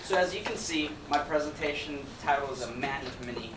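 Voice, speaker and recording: A man's voice: fairly high pitch, brisk. A young man from Ecuador giving an upbeat, jokey student presentation to an audience. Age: young adult. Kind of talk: presentation talk. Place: event hall with audience. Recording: roomy, distant mic, noisy.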